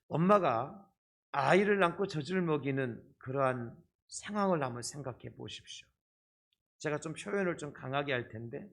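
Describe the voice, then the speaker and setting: A male pastor delivers a sermon with his voice coming through a face mask. It sits a little high for a man. He explains patiently to the congregation, checking in with short rhetorical questions. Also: a bit bright. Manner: speaking through a face mask, slightly muffled. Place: church service.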